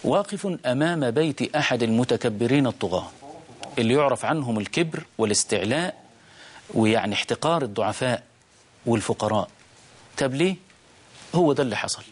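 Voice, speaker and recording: Fast, emphatic Egyptian preacher man. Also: mid-range voice, lively intonation, husky. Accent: Egyptian Arabic. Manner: emphatic, rising to fervent appeals. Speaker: sheikh hosting a call-in show. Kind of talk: preaching storytelling.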